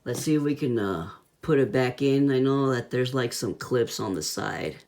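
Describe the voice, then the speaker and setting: A man's voice: mid-range voice, normal speed, darkish tone. A man giving a casual hands-on toy review in laid-back, slangy talk, with a whistle on his s sounds.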